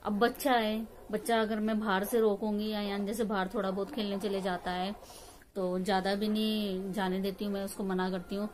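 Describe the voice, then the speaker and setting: A woman's voice: mid-range voice, little pitch movement, normal speed, darkish tone, a little hiss or hum. A woman in her thirties talking casually to her viewers from her rented room at home, rambling and emotional with many restarts. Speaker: family vlogger.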